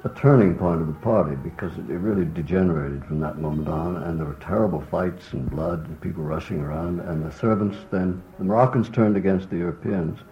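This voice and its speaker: Deep male storyteller, wry and unhurried, played from old worn tape with a muffled, lo-fi sound. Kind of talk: recounting an anecdote. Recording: dull lo-fi old tape with faint music.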